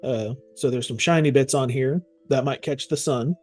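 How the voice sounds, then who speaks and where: Halting man improvising at a tabletop game. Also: mid-range voice, darkish tone, no echo, soft background music. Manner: halting, thinking aloud. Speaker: player in a tabletop role-playing game. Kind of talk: casual improvised game role-play and description.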